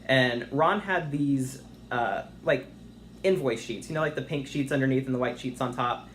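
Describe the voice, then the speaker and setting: A young man with a mid-pitched voice answers interview questions during a speakerphone call. He is eager and chatty, informal yet polite, with faint noise around him. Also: normal speed, fairly bright tone. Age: young adult. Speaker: internship applicant being interviewed.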